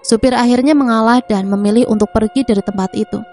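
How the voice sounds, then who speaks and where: A woman narrating a scripted family drama in a steady, even reading voice. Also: on the high side, fast. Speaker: storyteller. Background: faint music.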